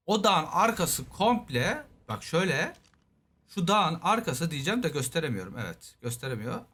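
Excitable high-voiced young man gaming. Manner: chatty, talks to himself and his game animal, excitable. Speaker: gaming let's-play host. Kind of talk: casual game commentary.

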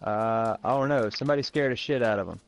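A man's voice: mid-range voice, fast talker, gravelly. Young male gamer, crude and easygoing, middle-range voice, headset chat. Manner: crude joking, laid-back, swears a lot. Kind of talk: casual gaming chat.

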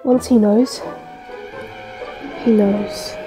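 A woman's voice: medium pitch, fairly even intonation, extremely slow, music in the background. A woman playing an exasperated new mother scolding her husband. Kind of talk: comedy short film acting.

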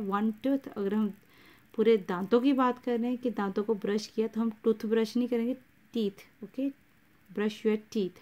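A woman gives a slow, patient lesson. Her voice is mellow and a little dark, and she repeats each example before moving on. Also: medium pitch. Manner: patient, repeats each example, mixes English words into Hindi. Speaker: English teacher. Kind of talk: explaining English grammar in Hindi.

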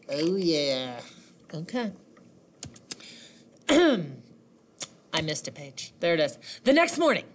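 A woman reading a picture book aloud to children like a teacher, animated, asking questions and counting along. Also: on the low side, a little hiss or hum.

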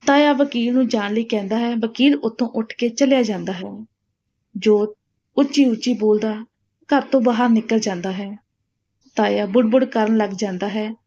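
A woman storyteller reading a story aloud in a plain, steady way. Her voice is fairly high and mellow. The recording sounds dull and lo-fi. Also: normal speed.

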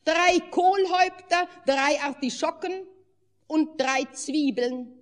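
A woman voicing a grieving, excitable old peasant wife in a fairy-tale reading, tearful and wailing. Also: sits high, long reverb tail, pitched above the performer's own voice. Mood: indignant. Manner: wailing and indignant, rushing in complaint.

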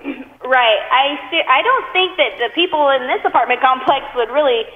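A woman's voice: sits high, lively intonation. Woman on echoey cave-like speakerphone. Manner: polite and hesitant, many pauses and ums. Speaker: apartment office worker taking calls. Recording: tinny phone line with long echo.

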